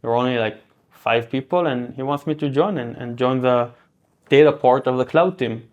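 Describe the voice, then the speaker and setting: Speaking at normal speed with a medium-pitched voice, a Hebrew-accented man from Israel in his thirties is a relaxed interview guest. His casual chat is full of fillers and restarts.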